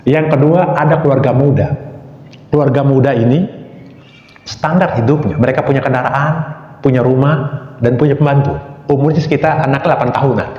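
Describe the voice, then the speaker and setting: A man's voice: medium pitch, warm tone. A man with an Indonesian accent gives a dawn mosque sermon as a preacher, telling stories and acting out the quoted dialogue. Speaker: ustadz preacher. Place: mosque hall. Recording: echoey hall, dull lo-fi sound.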